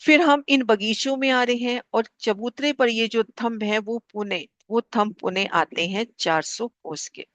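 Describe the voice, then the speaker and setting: A woman teaching a spiritual class, calmly guiding listeners through maps and repeating key figures so they stick. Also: on the high side, measured pace, few pauses, no echo, faint music behind. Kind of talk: devotional lesson explaining maps.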